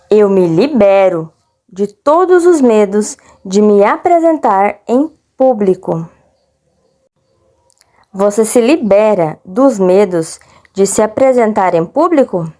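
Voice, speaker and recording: A Brazilian woman leads a guided relaxation and affirmation script. Her delivery is markedly slow and deliberate. The tone is mellow and soothing, with phrases repeated in a measured way. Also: mid-range voice. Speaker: guided meditation instructor.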